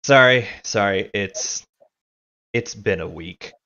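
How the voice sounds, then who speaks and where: A woman's voice: rumbling low, slow, a bit bright, highs cut off, full character voice. A woman voicing Rena, a nervous, overworked young woman who leads a city, fussing and apologetic. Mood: tired.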